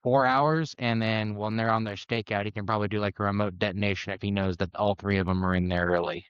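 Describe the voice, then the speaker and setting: A man describing his moves in a tabletop game in a casual, rambling way. His voice is smooth and mid-pitched. The mic sounds a little dull and dry. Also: fairly even intonation, fast talker, no echo. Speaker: player.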